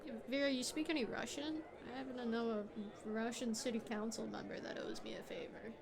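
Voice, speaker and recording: A woman playing a tabletop role-playing game, chatting and joking quickly about her character's plans. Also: a little high, steady tone, gravelly, a crowd in the background. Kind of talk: casual play and in-character chat.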